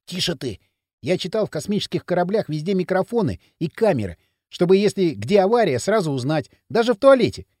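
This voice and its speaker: A man's voice: high-pitched, sing-song, a little mellow, dry recording, studio quality. Man voicing a nervous, curious teenage schoolboy. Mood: eager. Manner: nervous, curious, quick to agree. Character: timid eager teenage schoolboy Khryashch. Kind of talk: audiobook character reading.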